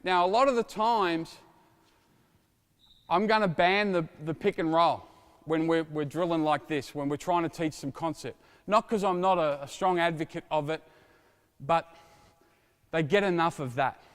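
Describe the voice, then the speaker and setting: Man, middle-aged coach, high-pitched voice, energetic drill calls, long gym reverb. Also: moderate pace, pauses often. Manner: energetic, shouts drill instructions. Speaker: basketball coach. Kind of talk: coaching clinic demonstration. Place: indoor basketball court.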